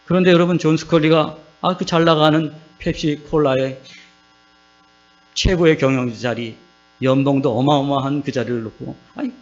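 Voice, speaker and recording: A man's voice: fairly high pitch, steady tone, moderate pace. A male pastor preaching a sermon, keeps putting questions to his congregation and acts out the voices he quotes. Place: church sanctuary. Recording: dull lo-fi recording with mains hum.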